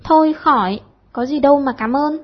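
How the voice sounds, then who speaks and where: A woman voicing a shy, flustered teenage boy who writes poems, hesitant and bashful, with a husky tone. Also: high-pitched, normal speed, dull audio, voice pushed up, natural voice.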